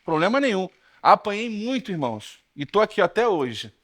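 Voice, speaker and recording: A man in his thirties with a Brazilian Portuguese accent, preaching a sermon in a church and telling stories lively to the congregation, whom he calls brothers. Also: high voice, moderate pace. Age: 30s. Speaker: pastor.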